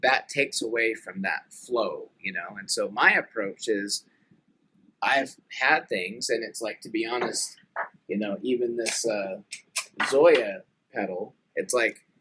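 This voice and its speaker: A man's voice: lowish voice, slow pace, background noise. A man in his late thirties talking earnestly and thoughtfully in a casual podcast conversation, with many fillers. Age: late 30s.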